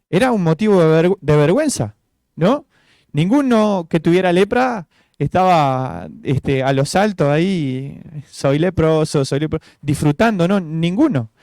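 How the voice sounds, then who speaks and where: A man's voice: fairly high pitch, darkish tone, no room sound. A man preaching an informal sermon, full of rhetorical questions and fillers. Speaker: pastor. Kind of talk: conversational sermon.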